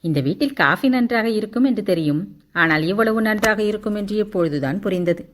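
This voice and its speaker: A woman's voice: medium pitch, expressive, a little fast, lightly acted. A woman narrator voicing a smug, stylish young woman with a light, teasing way of talking.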